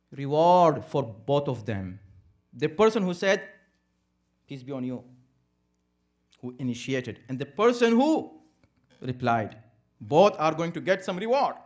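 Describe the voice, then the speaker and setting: Guy giving an emphatic talk at a community center, asks questions then answers them himself, voice really animated. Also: on the high side. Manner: emphatic, preacherly. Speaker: speaker at an interfaith program. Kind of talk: lecture to a live audience.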